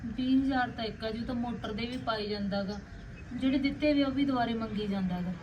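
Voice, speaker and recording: Young woman as worried bride, Punjabi accent, confiding, fairly high, far off, noisy. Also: fast talker, muffled recording, lightly acted. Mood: troubled. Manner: troubled, confiding. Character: worried young newlywed daughter.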